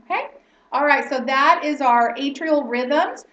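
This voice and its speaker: Higher-voiced woman teaching in an echoey room. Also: measured pace, fairly bright tone. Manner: explanatory, checks in with frequent "okay?". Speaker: instructor. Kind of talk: lecture-style teaching. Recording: roomy, distant, dull lo-fi sound.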